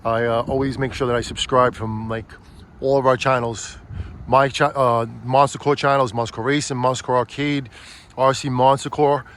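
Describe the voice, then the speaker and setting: Rambling middle-aged man vlogging. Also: mid-range voice. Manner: rambling, many restarts and fillers. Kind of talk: casual vlog talk. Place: in and around a truck.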